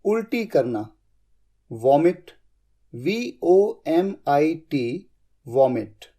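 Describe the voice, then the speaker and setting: A man's voice: fairly high pitch, very animated, drawn-out words, dark tone. A man teaching English vocabulary in a lesson, spelling out each word letter by letter.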